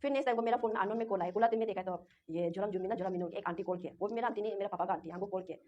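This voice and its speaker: A young woman from Arunachal Pradesh in Northeast India, whose first language is a local one, races through a rambling, distressed first-person account as an interviewee. Her voice is medium-pitched, and the dull lo-fi recording carries slight background noise.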